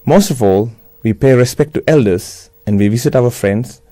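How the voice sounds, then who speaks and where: A man with a Sri Lankan accent speaks in a mellow, relaxed tone, close and dry. He delivers a religious address in measured, simple phrases, like a teacher explaining step by step. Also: medium pitch, dry recording. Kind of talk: religious talk, New Year address.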